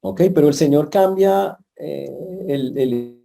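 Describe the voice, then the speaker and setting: A man's voice: a little high, animated, slow, gravelly, warm tone. A male pastor, preaching a sermon in a conversational way and putting questions to the congregation. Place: church.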